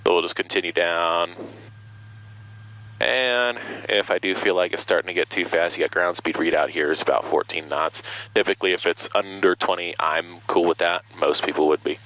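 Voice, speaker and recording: A man's voice: low-pitched, steady tone, normal speed, pushed and bright, slight background noise, poor audio. A man working as a flight instructor, patiently explaining procedures over a headset in a small plane cockpit. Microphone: aviation headset intercom.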